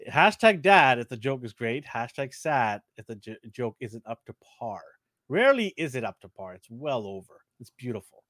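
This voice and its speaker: Middle-aged male podcast host, playful and giggly, bouncy pitch, dry close sound. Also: normal speed, no echo. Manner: jokey and animated, laughs often. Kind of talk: casual chat.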